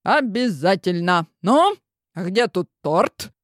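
A woman's voice: medium pitch, sing-song, takes it slowly, dry recording, studio quality. A woman voicing a cheeky young woman in a monster costume, with a complaining, mischievous tone.

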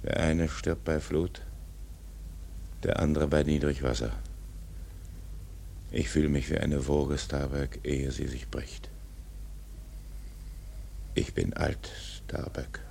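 An actor playing an obsessed, doomed old whaling captain in a radio drama, brooding and commanding with a gravelly voice. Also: male voice, a bass voice, fairly even intonation, slow pace, long pauses, dark tone, slight background noise, full character voice. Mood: brooding, weary.

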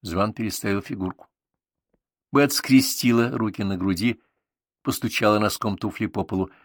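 Calm male audiobook narrator, dry sound. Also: lowish voice, moderate pace, no room sound. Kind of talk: scripted narration.

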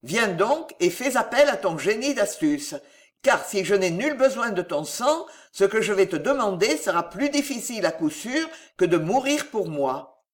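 Reader playing a stern nobleman, calm, severe, measured, commanding. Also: medium pitch, close to an everyday voice.

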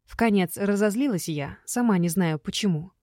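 A woman narrating a first-person fantasy audiobook with expressive storytelling. Her voice sits at a middle pitch. The recording is dry and close. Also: moderate pace, no room sound.

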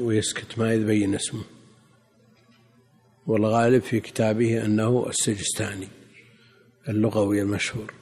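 A man's voice: on the low side, darkish tone, husky, long reverb tail. A man, a scholar, correcting and explaining a classical text in a lesson, giving brief corrections and longer explanations. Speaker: sheikh commenting on a tafsir text. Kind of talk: scholarly commentary.

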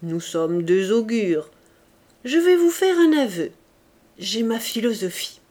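Woman doing a jovial old senator, declaiming, slow, storybook voice. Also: fairly high pitch, sing-song, warm tone, full character voice. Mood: jovial mocking. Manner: boisterous, self-satisfied declaiming. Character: jovial worldly old male senator, mocking.

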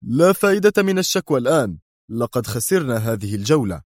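Narrator voicing a harsh mastermind villain, raised pitch, altered mechanical voice, stern. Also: male voice, moderate pace, a little mellow, no echo, studio quality. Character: cold, hidden male mastermind villain. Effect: altered mechanical-sounding voice.

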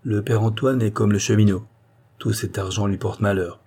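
A man reading a novel aloud, playing a composed detective who questions with quiet, measured calm. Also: lowish voice. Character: calm, shrewd male detective in middle age.

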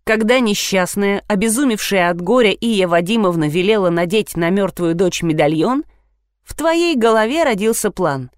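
A woman reading a novel aloud in the first person at a steady, even pace. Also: mid-range voice, normal speed, no echo, clean studio sound. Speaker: audiobook narrator.

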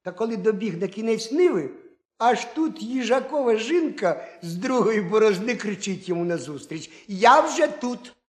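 A man narrating a folk tale for children in an expressive, lively way. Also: high-pitched, moderate pace. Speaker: storyteller. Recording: roomy echo.

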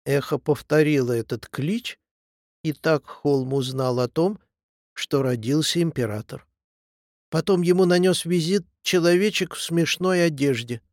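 Brief: male storybook narrator, measured, slightly raised pitch, unhurried. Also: a little mellow, no room sound, studio quality.

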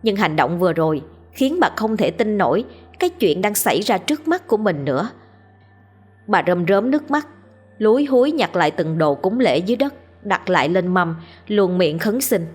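A woman narrating a scripted horror story in a steady, dramatic storyteller's manner. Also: medium pitch, moderate pace, husky.

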